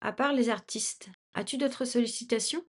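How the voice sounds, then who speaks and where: Higher-voiced woman interviewer over music. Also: moderate pace. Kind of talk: scripted introduction and interview questions.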